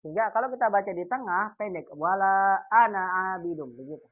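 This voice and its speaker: A man's voice: high voice, expressive. A man teaching an online Arabic grammar class, patiently repeating example phrases and quizzing his students. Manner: patient, repeats example phrases slowly and asks quiz questions. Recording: dull lo-fi online call audio.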